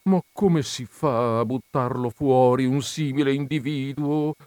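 A man's voice: mid-range voice, measured pace, darkish tone, clear, resonant tone, dry recording, close to an everyday voice. A man voicing a harried middle-aged landlord who complains plaintively and deferentially.

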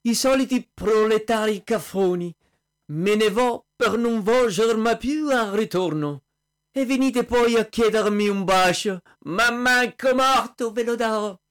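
A man's voice: high-pitched, unhurried, a bit bright, smooth. A man voicing a snobbish, haughty aristocratic prince in a comic fairy tale. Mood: disdainful. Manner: pompous, haughty, dithering. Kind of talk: comic storytelling with voices.

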